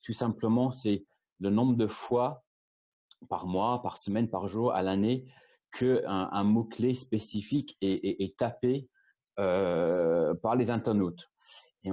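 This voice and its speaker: A man from Britain speaks French with a British English accent as he walks through a presentation on a video call. His voice sits low and mellow. He stalls, repeats words and fills gaps as he searches for phrasing. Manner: halting, many restarts and fillers. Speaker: guest speaker, e-commerce agency head. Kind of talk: webinar presentation.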